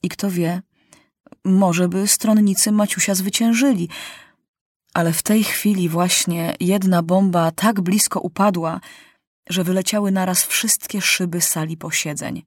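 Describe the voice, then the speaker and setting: A woman narrating a children's novel aloud in a measured, dramatic reading style. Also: on the low side, fairly even intonation, no echo, studio quality. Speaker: audiobook narrator. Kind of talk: storybook reading.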